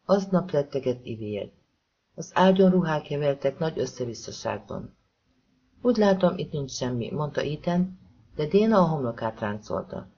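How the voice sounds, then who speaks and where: A man narrating a thriller novel as an audiobook, reading calmly and evenly and giving the characters soft voices. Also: on the high side, husky. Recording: dull lo-fi audiobook recording.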